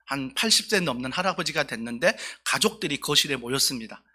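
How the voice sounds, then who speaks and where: A man's voice: medium pitch, animated, quick pace, bright, forceful tone, breathy edge. A male pastor preaching a sermon, telling a story earnestly and with feeling.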